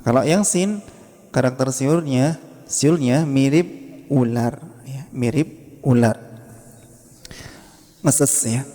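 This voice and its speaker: Warm-voiced man teaching recitation. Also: mid-range voice. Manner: patient, demonstrates sounds slowly and quizzes the class. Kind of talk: classroom lesson with drills. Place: mosque hall. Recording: long hall reverb.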